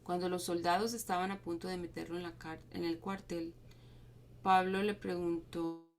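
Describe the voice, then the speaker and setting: A woman reading scripture aloud to a group, steady but with small stumbles and restarts. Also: on the low side, normal speed, slight background noise. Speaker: Bible reading leader.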